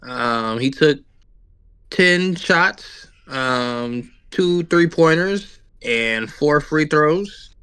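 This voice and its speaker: Male podcast co-host, bright and slightly high, dry close mic, filler-heavy and repetitive. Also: lively intonation, extremely slow, smooth, dry recording. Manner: repeats phrases stubbornly, many fillers. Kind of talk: casual sports debate.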